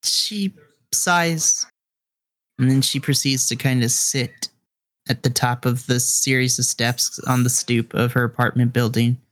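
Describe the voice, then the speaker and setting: A man's voice: medium pitch, completely flat delivery, normal speed, dry recording. A man narrating a tabletop game as game master, speaking to the player in second person.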